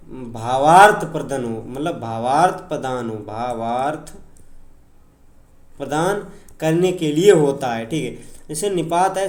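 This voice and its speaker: Guy teaching grammar for exam prep, loops back over each point, roomy echo on it. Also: on the high side. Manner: explains with examples, keeps checking in with "ठीक है"; repeats and rephrases points.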